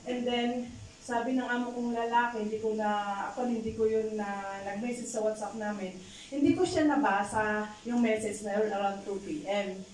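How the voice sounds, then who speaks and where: A woman who works as a domestic helper, telling her own story in a casual testimony, halting with many fillers and restarts and English mixed in. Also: mid-range voice, steady tone, a little mellow. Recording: echoey room, distant mic, faint noise.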